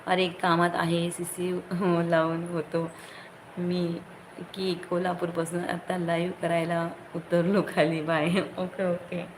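A woman's voice: fairly low pitch, monotone, slow, low-quality recording. A woman hosting a casual live stream, greeting viewers by name and asking everyone to like the stream. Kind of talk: casual live-stream chat reading comments. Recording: faint background noise.

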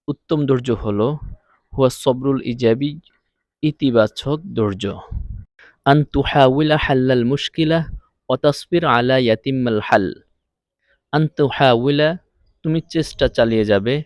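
A male language teacher with a mid-range, darkish voice delivers a scripted lesson, translating phrase by phrase. He is didactic and repeats phrases deliberately, recorded as a close, dry voice-over.

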